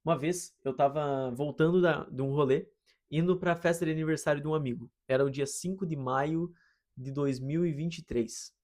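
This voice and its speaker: A young Brazilian man talks straight to his listeners in a loose, slangy monologue, his voice sitting a bit high for a man. He tells the story with lively energy and keeps dropping casual asides like a friend chatting. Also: normal speed. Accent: Brazilian Portuguese. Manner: slangy, animated, addresses listeners as "irmão" and "mano". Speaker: host.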